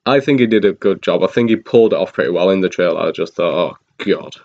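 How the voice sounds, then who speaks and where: A man's voice: low-pitched, fast, darkish tone. A man giving a casual spoken film review, rambling with frequent ums and restarts and the odd chuckle. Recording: dull lo-fi recording.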